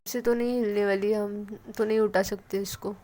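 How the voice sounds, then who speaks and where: A woman's voice: medium pitch, flat delivery, normal speed, dark tone, natural voice. A woman voicing a practical, teasing young woman friend who calls out urgently for help, in a narrated story.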